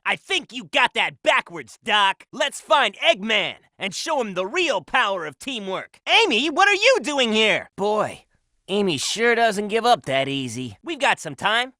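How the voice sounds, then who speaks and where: A man voicing a cocky, upbeat young hedgehog hero in a video game, brash, energetic and confident. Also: sits high, a little slow, no echo, studio quality, exaggerated voice. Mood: upbeat, determined.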